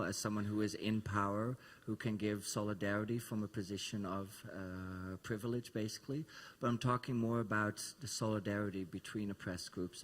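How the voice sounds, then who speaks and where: A man's voice: on the low side, a bit bright, big-room sound. A man from the Netherlands speaking at a panel discussion, hesitant and hedging as he talks.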